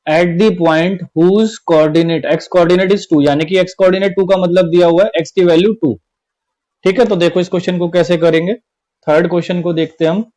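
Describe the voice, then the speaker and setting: A slightly high, mellow male voice leads an online class-twelve maths lesson, captured in a rough recording. He breaks everything into steps, restates the key points, and says "theek hai" a lot.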